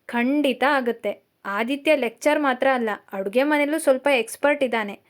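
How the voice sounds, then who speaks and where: A woman narrator voicing a young male lecturer who teases and gently coaxes, in a storybook reading. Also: sits high, normal speed, close to an everyday voice. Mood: playful. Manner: playful, gently coaxing.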